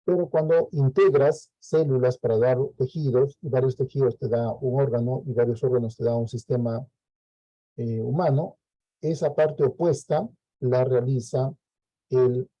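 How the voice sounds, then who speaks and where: Man teaching, dark mellow voice. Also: mid-range voice, unhurried, no room sound, lo-fi sound. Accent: Peruvian Spanish. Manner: explains with frequent "¿no?" checks and fillers. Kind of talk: lecture.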